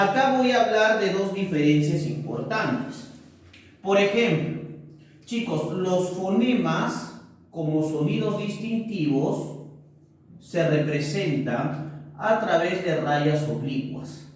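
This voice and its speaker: A male teacher giving a recorded lesson, unhurried and checking in with the class often. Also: high-pitched, lively intonation. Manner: unhurried, keeps checking in with correcto and ya. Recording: echoey room, mic at a distance.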